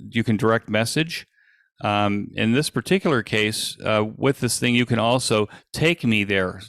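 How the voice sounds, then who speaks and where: Speaking in a lowish, creaky voice, an event presenter demos software live and informally over an online video call. His explanations are stop-and-start, and the studio-quality audio has no echo.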